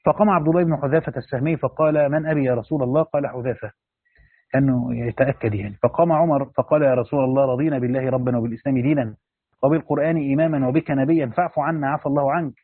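A man's voice: medium pitch, steady tone, racing, husky, no echo, narrow, tinny audio. A man with an Egyptian accent reading a classical religious commentary aloud and breaking into colloquial asides to explain it. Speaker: teacher reading a Quran commentary.

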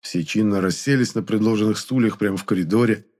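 A man's voice: fairly low pitch, quick pace, a little mellow. A man narrating a novel in the first person, with a wry, conversational telling. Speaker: audiobook narrator.

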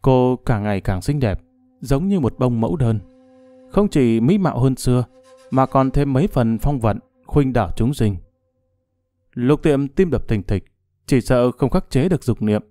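Mellow-voiced male storyteller. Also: medium pitch, animated, moderate pace, no echo, studio quality. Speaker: audiobook narrator. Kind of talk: scripted narration of a martial-arts novel.

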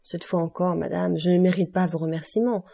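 A woman voicing a composed, courteous middle-aged count in an audiobook, measured and polite. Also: on the low side, steady tone, gravelly, warm tone. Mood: courtly.

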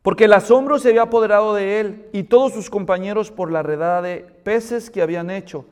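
A man delivers a sermon in a somewhat high voice that rises to emphatic peaks. He asks his listeners question after question. His voice rings with the long reverb of a large hall. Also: a little fast, a little mellow, clean tone. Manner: preaching with rising emphatic peaks and rhetorical questions. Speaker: pastor.

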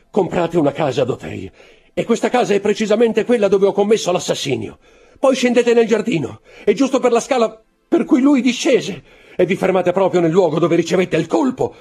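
A man's voice: high voice, gravelly, slightly rough, voice pushed up, heavily acted. A man voicing a panicked, pleading Corsican steward. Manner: shouting, desperate, trembling pleas. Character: terrified older male Corsican steward, superstitious, pleading. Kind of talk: audiobook character reading.

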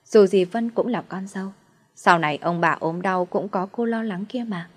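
A woman narrating an audiobook story in a steady, plain storytelling manner. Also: mid-range voice, normal speed.

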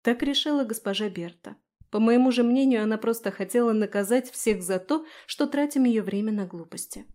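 A woman's voice: on the high side, fairly quick, darkish tone. Woman narrating an audiobook.

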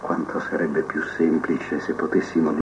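An actor playing a proud, scheming male prison inmate who believes he is a genius, musing aloud to his cellmate in a theatrical TV drama monologue, drifting between soft mutters and sudden outbursts. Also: extremely low pitch, little pitch movement, a little slow, background noise. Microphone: cassette recorder mic held to a TV speaker. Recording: muffled TV audio taped off a set onto cassette.

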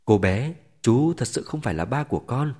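A man voicing a stern, firm former border commander who speaks low and gentle in a storybook reading. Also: lively intonation, normal speed, slightly rough.

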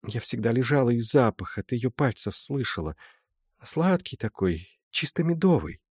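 A man's voice: medium pitch, sing-song, moderate pace, slightly rough, no room sound. Male reader as an old village mother, humble and tearful, dry close mic. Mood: tender. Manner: soft storytelling, folksy and confiding. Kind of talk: audiobook reading.

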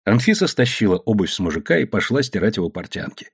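A man's voice: fairly low pitch, big pitch swings, fast, husky. A man narrating an audiobook in a dramatic storytelling manner.

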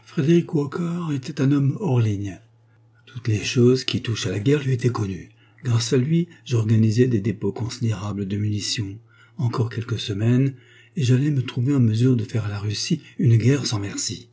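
A man reading a classic French novel aloud as scripted narration, in a steady, measured way. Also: mid-range voice, husky. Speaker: audiobook reader.

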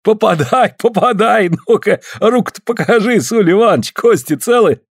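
Gruff loud workman, blunt and bossy, pitched up, a man putting it on for an audiobook. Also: big pitch swings, moderate pace, no room sound, studio quality.

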